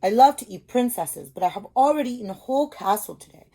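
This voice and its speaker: Woman voicing a loud, gruff, boastful storybook dragon. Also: fairly high pitch, animated, fast talker, voice pushed up. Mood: gruff, irritated. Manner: loud, brusque, self-important. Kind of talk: read-aloud storybook character voice.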